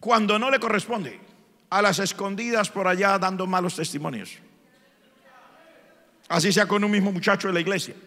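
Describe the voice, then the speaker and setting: A man preaching a sermon as pastor of a church, building from calm passages to fervent shouted appeals. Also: high-pitched, moderate pace, pauses often. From Colombia. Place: church sanctuary. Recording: long church hall reverb.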